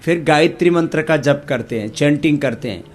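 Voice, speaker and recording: A man with an Indian accent leading a yoga class, chanting mantras slowly and correcting the students' pronunciation. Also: a little high, faint music behind. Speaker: yoga teacher.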